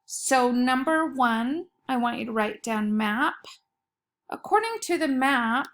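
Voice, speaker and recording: Slow, careful woman teacher with creaky voice. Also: high voice, expressive, fairly bright tone. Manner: slow, careful dictation with words set apart and repeated. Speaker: elementary school teacher. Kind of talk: dictating a spelling test.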